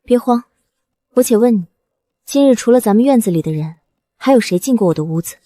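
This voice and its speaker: An actress playing a clever, calm young noble niece in an animated drama dub. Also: female voice, fairly high pitch, a little fast, no echo, close to an everyday voice.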